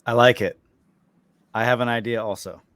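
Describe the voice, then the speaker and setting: A man's voice: medium pitch, fairly even intonation, moderate pace, fairly bright tone, no echo. A man playing a tabletop game, blunt and plotting. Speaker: player.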